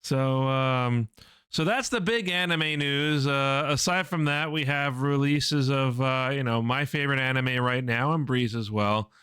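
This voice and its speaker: A man's voice: medium pitch, unhurried, bright, forceful tone, smooth, dry recording. A man co-hosting an anime podcast, chatting casually and explaining news at length with plenty of ums and uhs. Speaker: podcast co-host.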